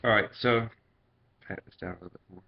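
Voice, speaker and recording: Low-voiced man, casual reviewer. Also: quick pace, heavy background noise. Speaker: product reviewer. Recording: dull, lo-fi sound.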